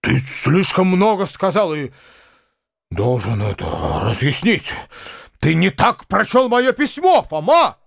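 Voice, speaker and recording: A man voicing an agitated middle-aged country gentleman in an audiobook, pleading and trembling with emotion. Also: high-pitched, very animated, slow pace, vocal fry, dry recording, studio quality, pitched above the performer's own voice, exaggerated voice. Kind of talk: audiobook character reading.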